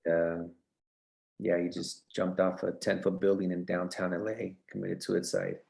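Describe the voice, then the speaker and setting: A man's voice: low-pitched, flat delivery, unhurried, creaky, darkish tone. A man in his thirties, a real estate coach as a podcast guest, talking earnestly with many fillers. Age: 30s. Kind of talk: casual interview chat. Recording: roomy echo.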